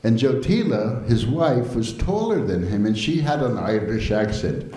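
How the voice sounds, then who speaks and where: A man in his seventies telling lively stories to an audience in a temple hall, often chuckling. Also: mid-range voice, unhurried. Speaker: devotional storyteller. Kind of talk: anecdotal talk to an audience. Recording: roomy hall echo.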